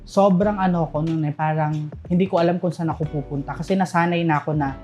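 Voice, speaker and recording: Guesting on a casual interview, a young Visayan-accented call center manager from Southern Leyte, Philippines, shares stories candidly and laughs frequently. His voice is fairly high and steady yet quick, with a darkish tone and faint music in the background.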